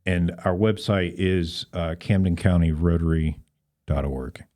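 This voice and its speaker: A man with a low, mellow voice speaks unhurriedly. He's a podcast guest and civic club member in a conversational interview, explaining things earnestly.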